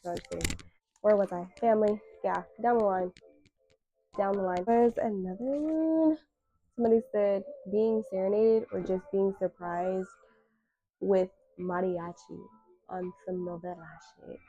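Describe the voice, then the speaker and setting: A woman's voice: mid-range voice, fairly even intonation, measured pace, dark tone, poor audio. A woman in her twenties hosting a casual solo talk, candid and slangy, with emphatic repetition. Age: 20s. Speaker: podcast host.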